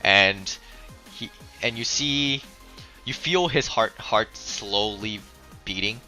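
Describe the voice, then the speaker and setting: A man's voice: lowish voice, slow, bright, forceful tone, soft background music. A man narrating as game master of a tabletop game, often stumbling and repeating words.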